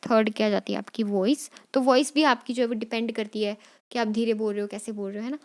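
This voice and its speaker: A woman teacher with a fairly high voice. She runs an exam revision lesson, switching between Hindi and English. She repeats each point and reads English definitions out slowly, as if for notes. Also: steady tone, a little mellow.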